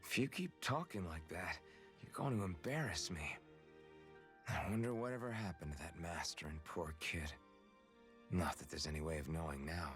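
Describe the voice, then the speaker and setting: An actor playing an earnest, kind young soldier hero in a game, speaking gently and reflectively. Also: male voice, sits low, normal speed, faint music behind. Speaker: game character, young male swordsman. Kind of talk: game voice acting.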